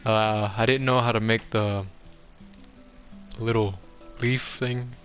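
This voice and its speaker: With music in the background, a young gaming video host, a young adult man, slowly rambles through an offhand game tour, often self-deprecating. He has a lowish, fairly bright voice with fairly even intonation.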